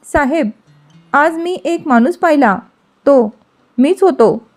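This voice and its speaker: A troubled young man with lost memories searches haltingly for each word, as a high-voiced woman narrator reads him. Soft music plays faintly behind the storybook reading. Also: lively intonation. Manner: hesitant, searching.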